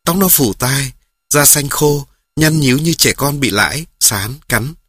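A man narrating a memoir in the first person, reading steadily and calmly. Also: mid-range voice, unhurried, husky, no room sound, clean studio sound.

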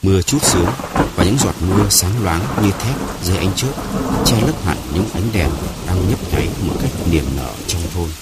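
A man narrating a dramatic story in a measured, dramatic way. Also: low voice, expressive, heavy background noise.

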